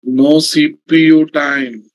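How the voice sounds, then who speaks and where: A man's voice: fairly high pitch, steady tone, slow. A man with a Telugu Indian English accent teaching a programming class, dictating in repeated phrases and checking in with questions. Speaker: programming instructor. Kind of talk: live lecture with slow dictation and repetition.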